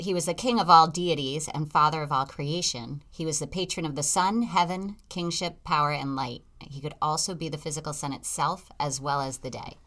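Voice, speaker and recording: Low-voiced Boston woman, chatty podcast co-host. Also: a bit bright. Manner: chatty, laughs often, stumbles over words. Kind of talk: casual chat.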